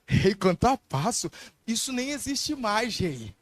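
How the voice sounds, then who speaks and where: A preacher doing a doubting servant. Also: male voice, high-pitched, sing-song, takes it slowly, exaggerated voice. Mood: skeptical. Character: doubtful male servant questioning his king.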